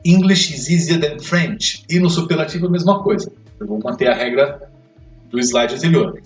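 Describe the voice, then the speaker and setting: A man teaching an English grammar lesson, explaining step by step and checking in with quick questions. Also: fairly high pitch, highs cut off. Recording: echoey room, mic far off, faint music.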